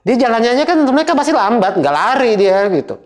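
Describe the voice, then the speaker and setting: A young man, casually telling a personal ghost story as a guest, in an animated, dramatic way full of fillers. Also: very high voice, quick pace.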